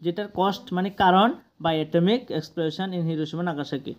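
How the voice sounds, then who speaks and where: A teacher with a Bangladeshi accent, explaining an English text slowly, word by word, and often checking with the class. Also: medium pitch. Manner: explains each word slowly, often asks "ঠিক আছে?".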